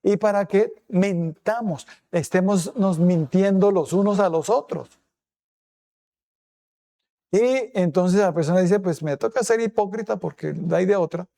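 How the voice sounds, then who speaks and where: A male pastor delivering a sermon in a high, gravelly voice with a dark, mellow tone. He keeps asking his congregation rhetorical questions. He also acts out quoted remarks in a changed voice. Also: measured pace.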